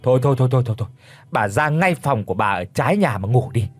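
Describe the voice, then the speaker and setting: A man voicing a harsh adult son in an audiobook, snapping and shouting. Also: mid-range voice, animated, quick pace, soft background music, lightly acted. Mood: furious.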